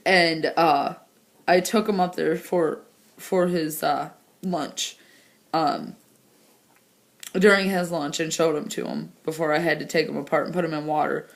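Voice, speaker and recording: A woman's voice: sits low, steady tone, a little slow, gravelly, long pauses. A young woman giving a tearful, rambling vlog update, crying and laughing as she talks. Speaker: vlogger. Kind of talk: emotional personal vlog update.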